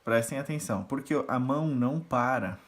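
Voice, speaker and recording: A man's voice: medium pitch, a little fast. A man teaching rhythm reading and solfège, patiently explaining and counting syllables aloud as he conducts the beat. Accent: Brazilian Portuguese. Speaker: music teacher.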